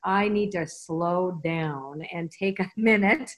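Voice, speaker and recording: A woman co-hosting a casual live question session on card reading, animated and often laughing. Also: takes it slowly. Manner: animated, laughing, acts out the cards in a high voice. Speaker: co-host and card reading teacher.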